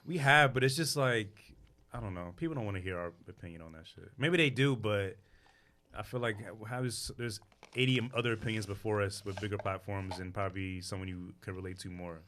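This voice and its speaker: Male podcast host, low pitch with a bright, forceful tone, loose and slangy. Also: fairly quick. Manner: loose, slangy, laughs often. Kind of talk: casual chat. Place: podcast set with a camera.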